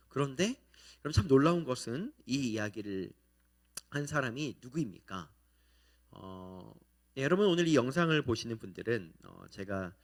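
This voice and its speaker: A man preaching a sermon as pastor, asking his listeners questions and acting out the quoted lines in animated voices. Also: medium pitch. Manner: asks the congregation questions.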